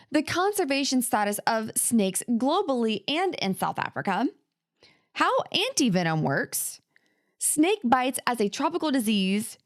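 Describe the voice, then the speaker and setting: A woman with a fairly high voice hosts an interview podcast. She reads her introduction from a script and then chats with her guest in an upbeat, enthusiastic way. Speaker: podcast host.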